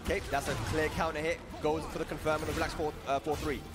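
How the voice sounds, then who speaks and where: A man commentating a fighting game tournament, quick play-by-play that climbs to excited shouts. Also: fairly high pitch, music in the background. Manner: excited play-by-play, rising to shouts at big moments. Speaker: esports commentator.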